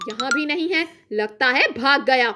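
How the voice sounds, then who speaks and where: A bossy cartoon mother cat who threatens and nags in a very high, piercing voice, acted by a woman. Busy cartoon music plays underneath. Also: normal speed, lightly acted. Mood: annoyed. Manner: threatening, bossy, rustic Hindi scolding. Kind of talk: cartoon voice acting.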